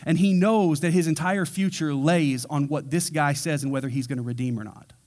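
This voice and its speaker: A man's voice: fairly high pitch, fairly even intonation, a little fast, a little mellow. A man preaching a verse-by-verse sermon in a casual, conversational way, acting out quotes in everyday voices. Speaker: pastor. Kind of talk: expository sermon.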